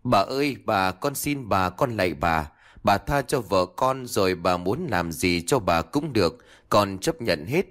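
A man's voice: fairly low pitch, expressive, normal speed, hardly any pauses, natural voice. A man voicing a frantic, devoted young village husband who stammers and pleads in a ghost story. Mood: begging.

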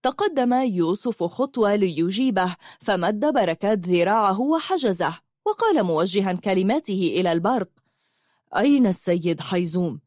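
Expressive woman reading a novel aloud. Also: medium pitch, moderate pace, few pauses, no room sound, studio quality. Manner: expressive storytelling, voicing each character. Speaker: narrator. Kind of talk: scripted narration of a novel.

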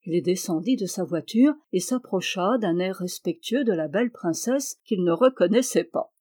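A woman reading a fairy tale aloud in a measured storytelling manner. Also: fairly low pitch, animated, warm tone. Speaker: audiobook reader. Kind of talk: scripted narration of a fairy tale.

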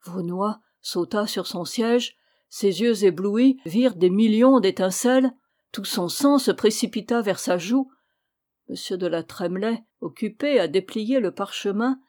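A woman reading a classic adventure novel aloud as an audiobook, measured and clear. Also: mid-range voice, a little mellow. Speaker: audiobook reader.

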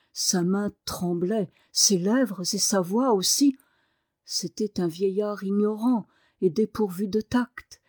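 A woman narrating a novel aloud in an expressive reading voice. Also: medium pitch, no room sound, clean studio sound. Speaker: audiobook narrator. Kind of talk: scripted narration.

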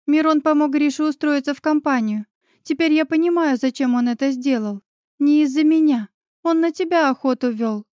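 A lively, caring young woman friend, voiced by a woman reading an audiobook. She talks briskly and decisively in a high, bright register, and the sound is dry and close. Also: no echo, natural voice. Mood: firm. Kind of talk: audiobook character voice.

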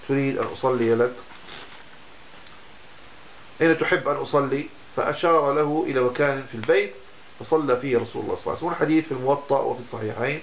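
A man's voice: on the high side, a little hiss or hum. Man teaching a religious lesson. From Morocco. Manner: explanatory, pausing and restarting mid-word. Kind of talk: Islamic law lesson.

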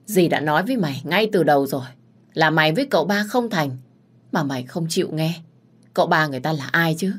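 A woman's voice: deep voice, normal speed, darkish tone. Woman voicing a stern older housemaid. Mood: scolding. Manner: respectful to her mistress, harsh to the girl. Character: older female household servant, stern and scolding.

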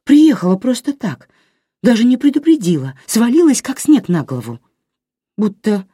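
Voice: medium pitch, lively intonation, moderate pace, a little mellow, no room sound, studio quality, voice pushed up, lightly acted. An audiobook reader voicing a fretful, tearful elderly grandmother who speaks plaintively in a raised voice. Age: older.

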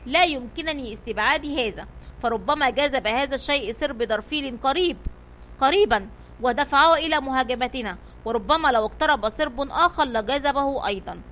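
A woman's voice: sits high, a little fast, a bit bright. Sindbad, a sea captain, read by a woman. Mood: tense. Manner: commanding, tense. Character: brave male sea captain, calm leader.

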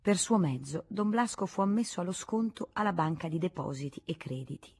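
A woman narrating a classic novel as an audiobook in a measured, expressive reading. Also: fairly low pitch, husky. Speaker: audiobook reader.

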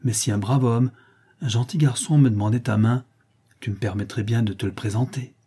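A man's voice: medium pitch, brisk, warm tone, slightly rough. A man reading aloud and voicing an aristocratic older count, a genial uncle who speaks in a jovial, lightly teasing way. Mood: gentle.

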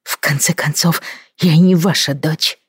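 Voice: medium pitch, steady tone, moderate pace, breathy edge, dry recording, studio quality. A reader doing a defiant young woman. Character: young defiant woman, sharp-tongued ward.

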